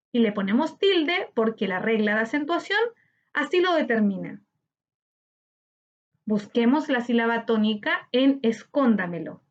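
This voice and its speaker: Slow, lively woman teaching grammar. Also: a little high. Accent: Chilean Spanish. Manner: slow, clear, syllable-by-syllable teaching delivery. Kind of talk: recorded grammar lesson for children. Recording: slightly dull lo-fi audio.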